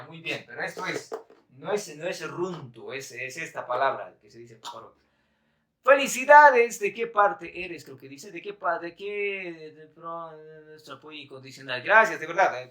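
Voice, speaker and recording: A man's voice: a little high, sharp tone, roomy sound, recorded from a distance. A man teaching a live-stream language lesson in a chatty, laughing way, reading viewer comments aloud. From Bolivia. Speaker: Quechua teacher.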